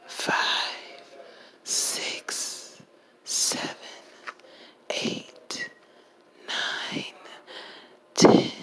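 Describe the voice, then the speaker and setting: A woman hosting a guided relaxation session in a slow, soft whisper, counting breaths and movements. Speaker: relaxation host.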